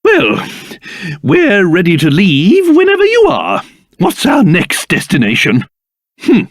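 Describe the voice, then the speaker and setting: A pompous little old monster king for a video game, with pitch that leaps and plunges wildly. He takes his time over his theatrical, old-fashioned phrases, blustering like a ruler used to being obeyed. The recording is dry and close. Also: huge pitch swings, slow, no echo, heavily acted. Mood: grumbling. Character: cursed little monster king, elderly, pompous, excitable, doting father.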